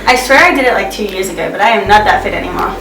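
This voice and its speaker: A young Australian woman in her twenties, co-hosting a casual vlog in a relaxed way with dry teasing. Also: mid-range voice, racing, background noise. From Brisbane, Australia. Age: 20s. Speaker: co-host. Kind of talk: casual chat. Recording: roomy sound, mic at a distance, music under.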